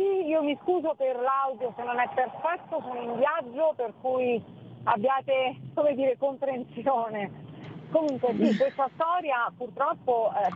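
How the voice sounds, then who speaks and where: A woman lawyer calling in while traveling, explaining a case in a measured, hesitant way, over a low-quality phone stream. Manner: measured, hesitant with frequent fillers. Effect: low-quality phone stream from a traveling caller. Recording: tinny phone line with faint noise.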